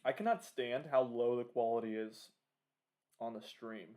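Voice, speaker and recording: Guy livestreaming hurricane coverage, mid-pitched voice, chatty and thinking out loud to viewers. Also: moderate pace. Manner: informal, thinking aloud, addressing viewers. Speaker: livestream weather commentator. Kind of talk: casual live hurricane commentary.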